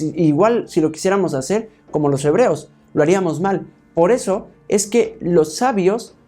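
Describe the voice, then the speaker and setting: A man's voice: fairly high pitch, dark tone. A man preaching a Bible teaching sermon, explaining point by point and often checking with his listeners. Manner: explains step by step, asks the congregation "¿sí?"; addresses listeners as "hermanos".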